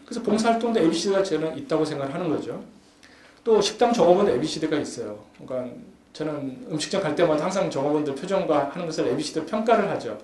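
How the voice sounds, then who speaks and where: Man, forum lecturer, conversational talk, slightly high voice, acts out scenes, echoey hall. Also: lively intonation, racing, a little mellow. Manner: chatty, acts out everyday scenes with rising emphasis. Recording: echoey hall with faint background hum.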